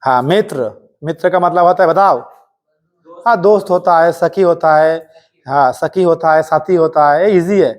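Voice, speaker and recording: Male Hindi tutor, slightly high voice, drills a coaching class with quick call-and-response. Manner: quizzing students with rapid call-and-response; strict, jokingly threatens students. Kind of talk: live classroom lesson.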